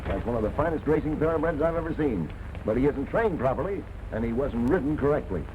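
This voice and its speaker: Actor as a confident trainer, dull old film. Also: male voice, mid-range voice, animated, quick pace, lightly acted. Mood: assured. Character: confident, assured male horse trainer. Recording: noisy, dull 1940 film soundtrack.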